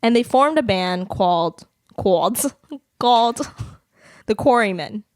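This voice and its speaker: A woman's voice: medium pitch, expressive, a little slow, dry recording, clean studio sound. Chatty young woman hosting a podcast. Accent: New Jersey. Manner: chatty, laughs often, giggly asides. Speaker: podcast host. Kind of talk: casual chat. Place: bedroom.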